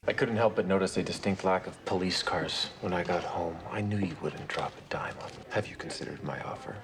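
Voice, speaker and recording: An actor playing a grave, determined young rich vigilante in a TV drama, speaking in an earnest, measured way. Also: male voice, deep voice, noisy background. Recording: dramatic music behind the voice.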